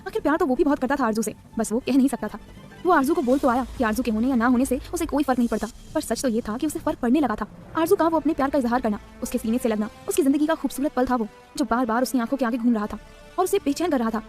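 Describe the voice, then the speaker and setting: Woman narrator, audiobook story, quick reading, slightly high voice, faint music. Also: darkish tone.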